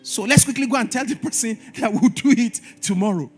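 A man preaching a sermon at a church service, animated and repeating his exhortations, acting out little dialogues. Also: extremely high pitch, a little fast, faint music behind. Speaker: pastor.

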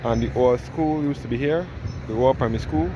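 A Barbadian man talks through a walking tour at an ordinary middle pitch, speaking in an easygoing way with passing asides. He records outdoors on a handheld phone. Cars and street sounds carry clearly behind him. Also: a little fast. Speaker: travel vlogger. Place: outdoors on a roadside. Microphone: handheld phone camera. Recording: outdoor phone audio with traffic noise. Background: passing cars and outdoor ambience.

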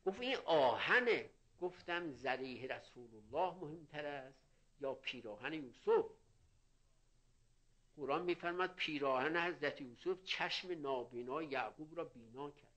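A man's voice: on the high side, expressive, a bit bright. An older male cleric giving a sermon, reading Arabic phrases and explaining them in plain words, with anecdotes. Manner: explains Arabic quotes in Persian, tells anecdotes. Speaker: cleric preacher. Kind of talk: religious sermon.

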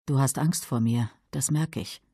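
Man doing a middle-aged audiobook mother, husky and breathy, gravelly edge, dark tone, urgent and pleading. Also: mid-range voice, unhurried, no echo, clean studio sound, voice pushed up. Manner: urgent, pleading, self-justifying. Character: tense middle-aged mother, insistent and wounded. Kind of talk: audiobook character voice.

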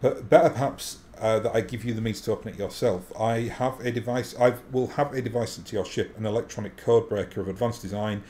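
A man voicing an honourable noble lord from a video game, formal, measured and stately. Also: lowish voice, dark tone, lightly acted. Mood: grave, grateful. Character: courteous noble lord, grave, grateful, honourable. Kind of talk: reading game dialogue aloud in character. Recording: faint background noise.

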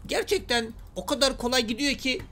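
A man's voice: very high voice, lively intonation, fairly quick, bright, forceful tone. A man giving exasperated gameplay commentary, talking to himself and his viewers as a gaming YouTuber.

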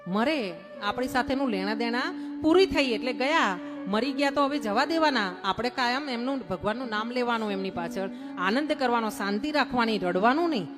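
A woman's voice: on the high side, lively intonation, fairly quick, close to an everyday voice. A woman voicing an old wandering holy man who preaches in a sing-song way during a devotional story. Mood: preachy. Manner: sing-song preaching, then wailing and lamenting. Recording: long hall reverb with music.

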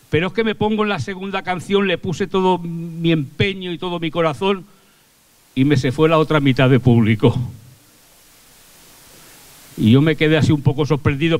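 A man's voice: fairly high pitch, dry recording. Older male comic telling folksy jokes. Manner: chatty, folksy storytelling with crude slang. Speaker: stage comedian and singer. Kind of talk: live stand-up joke telling. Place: theatre amphitheatre stage.

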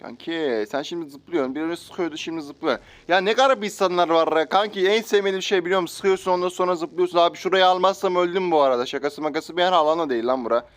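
A man's voice: on the high side, quick pace, hardly any pauses. A man giving live gameplay commentary as a gaming video host, taunting enemies and chatting to viewers. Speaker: gaming YouTuber.

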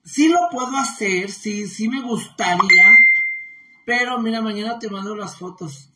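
A woman's voice: medium pitch, unhurried, noisy background. A woman hosting a live stream in a casual, affectionate, chatty way, reading out viewer comments with lots of fillers. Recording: roomy echo.

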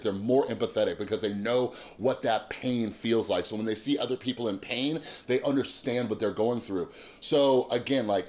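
Emphatic man in casual YouTube commentary. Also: mid-range voice. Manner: earnest, emphatic, seeks agreement with frequent rhetorical tags. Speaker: YouTube channel host. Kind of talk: casual opinion commentary to camera. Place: small indoor room with monitors.

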